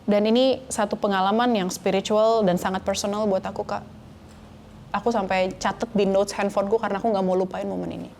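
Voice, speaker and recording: This is a woman in her thirties recounting a personal spiritual experience as an interview guest. Her voice is mellow and sits at an ordinary pitch. She talks earnestly and drops English phrases into her speech. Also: steady tone, fairly quick, gravelly, slight background noise. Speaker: guest sharing a faith testimony. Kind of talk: conversational interview testimony.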